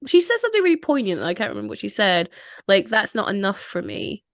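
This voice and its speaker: A woman's voice: medium pitch, wildly swooping pitch, fast talker, no room sound, clean studio sound. A young adult woman hosting a podcast, retelling a film scene by scene in casual chat and acting out the characters' lines with lots of laughter. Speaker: podcast host.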